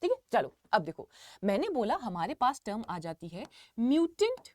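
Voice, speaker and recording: A woman's voice: a little high, huge pitch swings, moderate pace. A young woman with an Indian accent giving an online lecture to students, repeating key points with emphasis and calling them kids. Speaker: teacher.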